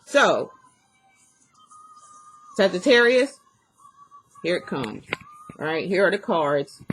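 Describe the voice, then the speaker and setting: A woman's voice: fairly low pitch, sing-song, slow, soft background music, poor audio. A woman giving a casual tarot reading in a folksy, rambling way, her speech slightly impeded by a dental retainer. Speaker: tarot reader.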